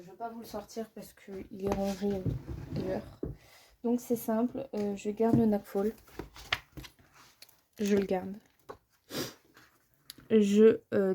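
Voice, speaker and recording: Slow, mellow-voiced woman vlogging. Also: mid-range voice, a little hiss or hum. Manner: hesitant, with many pauses and fillers. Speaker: vlogger showing her book collection. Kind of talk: casual vlog talk.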